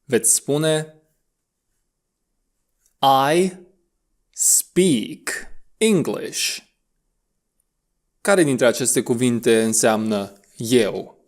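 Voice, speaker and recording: A man's voice: medium pitch, darkish tone. Man teaching English pronunciation. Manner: slow, drawn-out model words between brisk instructions. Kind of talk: audio language lesson.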